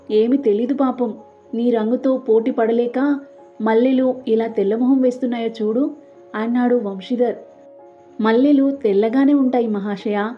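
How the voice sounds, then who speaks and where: A woman tells an audiobook story and reads all of its dialogue herself in a soft way. Her voice sits somewhat high, and the recording is a little dull. Gentle music plays faintly beneath her.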